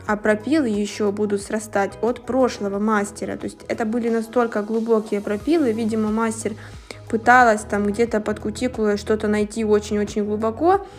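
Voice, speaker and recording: A woman nail technician telling stories in a casual, chatty, lightly amused voice-over. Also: medium pitch. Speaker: nail technician narrating a manicure video.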